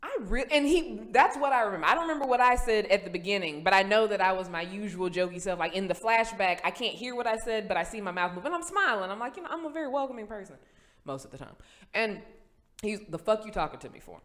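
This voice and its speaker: A young woman hosting a casual podcast, telling personal stories in an animated way and acting out the lines of the people in them. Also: fast talker. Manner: animated storyteller, acts out quotes with big pitch jumps. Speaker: podcast host.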